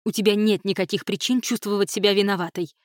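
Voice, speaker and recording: A woman's voice: mid-range voice, fairly even intonation, fast talker, no room sound, clean studio sound, lightly acted. A woman reading an audiobook, voicing a stern aunt who answers firmly and snaps when pushed. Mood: firm, harsh. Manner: firm, defensive, snapping. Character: stern aunt, guarded and quick-tempered.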